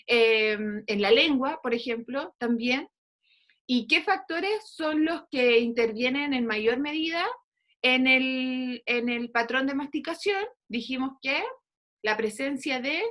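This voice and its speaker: A dentistry lecturer with a slightly high, somewhat bright voice teaches an online class over a video call. She coaxes her students to answer questions and uses frequent fillers.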